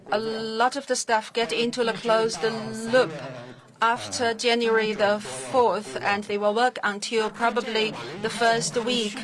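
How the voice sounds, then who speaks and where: Higher-pitched woman interpreting, voices behind. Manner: halting, phrase-by-phrase delivery. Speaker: simultaneous interpreter. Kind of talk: live press conference interpreting.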